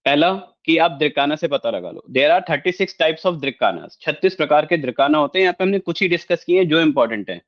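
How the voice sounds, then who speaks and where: A man teaches an online lesson, walking through each point patiently and pausing often with check-ins. His voice sits a little high for a man. The audio is slightly dull and lo-fi. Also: animated. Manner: explanatory, mixes Hindi with English, frequent check-ins. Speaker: astrology teacher. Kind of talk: online lesson with screen share.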